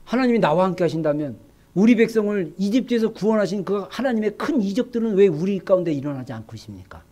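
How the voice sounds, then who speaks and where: A man's voice: sits high, sing-song, quick pace, mellow, pitched below the performer's own voice. A preacher voicing a doubting ancient Israelite man who demands answers and complains. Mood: indignant. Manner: indignant, demanding.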